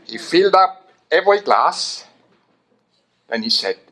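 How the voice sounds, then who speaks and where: A man's voice: fairly high pitch, unhurried. Man telling a road story. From Switzerland. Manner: animated anecdote with voiced quotes. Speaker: memorial speaker. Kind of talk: storytelling at a memorial.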